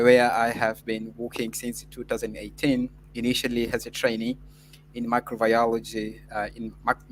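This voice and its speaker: A medium-pitched man from Mozambique, a native Portuguese speaker, plays the candidate in a mock scholarship interview. He answers formally and earnestly with lots of filler sounds. The audio is poor, with slight background noise.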